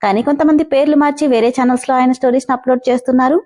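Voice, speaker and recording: A woman's voice: sits high, fairly even intonation, rapid-fire, warm tone. A woman hosting a story channel, greeting listeners and reading a serialized story aloud. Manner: friendly direct address to listeners. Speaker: story narrator and channel host.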